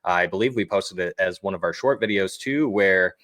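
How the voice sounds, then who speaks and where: A man hosting a casual sports podcast from home, easygoing and steady, putting questions to his co-host. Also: sits low, normal speed, no echo. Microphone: home desk microphone.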